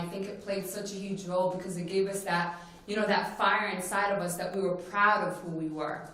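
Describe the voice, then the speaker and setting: A medium-pitched, slightly bright voice belongs to a Moroccan woman speaking at a forum. She earnestly shares her personal story with many "you know" fillers, and the very echoey plenary hall reverberates around her.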